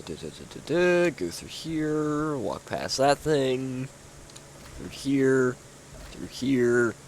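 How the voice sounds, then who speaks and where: A man's voice: medium pitch, a little hiss or hum. A young man giving casual, rambling commentary while touring his own build in a video game, full of fillers and restarts, sounding sleepy. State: sleepy, yawning. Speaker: gaming YouTuber. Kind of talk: casual gameplay walkthrough commentary.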